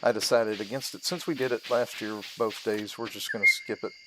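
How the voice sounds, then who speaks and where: Amid heavy background noise, a gaming video host offers casual let's-play commentary in a fairly low voice with fairly even intonation and a fairly quick pace. He narrates each of his own steps aloud in short, trailing phrases.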